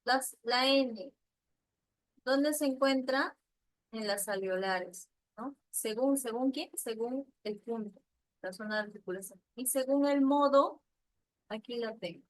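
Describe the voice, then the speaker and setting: Slow patient woman teacher, dry sound. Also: fairly high pitch, no room sound, rough recording. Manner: patient, questioning, repeats answers slowly. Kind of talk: online class walkthrough.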